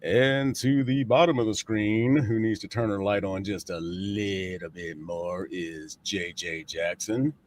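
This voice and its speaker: A man's voice: fairly low pitch, fairly even intonation, measured pace, hardly any pauses, slight background noise. A man hosting a casual talk show, congested with a cold and nasal, as if someone were holding his nose, joking and swearing freely. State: stuffed up with a cold or sinus trouble. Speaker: host.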